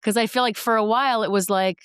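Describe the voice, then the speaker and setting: A woman's voice: fairly high pitch, steady tone, quick pace, a bit bright, smooth, no room sound, studio quality. A woman audiobook narrator chatting in an interview, rambling and restarting her thoughts. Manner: chatty, trails off and restarts, laughs often. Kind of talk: casual interview chat.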